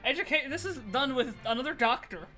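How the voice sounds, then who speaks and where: A woman's voice: sits high, lively intonation, fairly quick, bright, forceful tone, faint music behind. A woman streamer chatting casually and making sarcastic jokes while watching an old film. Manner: joking, sarcastic.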